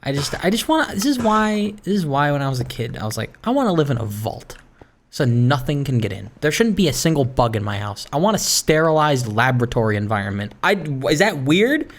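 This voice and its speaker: A gaming host with a medium-pitched, sing-song voice talks fairly quickly through a casual, rambling Minecraft let's-play. They muse informally and complain about small irritations along the way.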